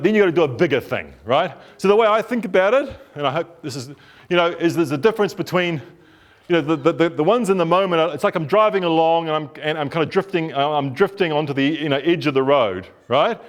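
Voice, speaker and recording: A middle-aged couples therapist with a New Zealand accent speaks informally to a workshop group. His voice sits slightly higher than most men's. He talks in a relaxed, rambling way, restarting phrases and often checking in with the room. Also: fast talker. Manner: conversational, lots of fillers and restarts, checks in with listeners.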